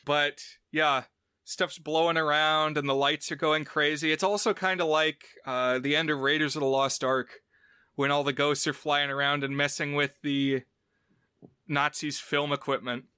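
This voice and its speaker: Bright, crisp-voiced man recapping a film. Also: fairly high pitch, level tone, normal speed, no echo, clean studio sound. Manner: recaps the plot at length in a loose, conversational way. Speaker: podcast co-host. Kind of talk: casual film review chat.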